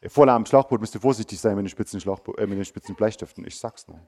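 A man preaching to schoolchildren, telling the story in an animated way, bursting out loud in places and dropping to a soft, quiet voice in others. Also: on the low side, fast talker. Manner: animated storytelling, acting out the disciples with sudden loud outbursts; drops to a soft, quiet voice for reassurance. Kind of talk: lively sermon for schoolchildren.

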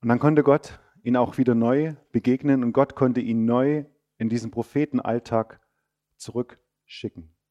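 A man preaching a sermon, retelling a story in a lively, casual way and speaking directly to his listeners. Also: medium pitch.

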